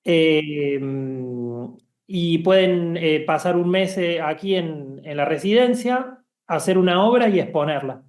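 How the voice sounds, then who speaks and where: A man's voice: fairly high pitch, takes it slowly, a little mellow. A man from Argentina, talking casually as an interview guest, hesitant with many fillers and restarts. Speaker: guest, bookshop founder.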